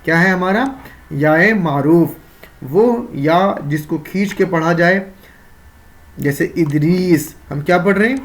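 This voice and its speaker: A man with a fairly high voice gives an exam-prep grammar lesson. He explains patiently and step by step, repeating key terms for his students. He often asks a question and then answers it himself. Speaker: teacher.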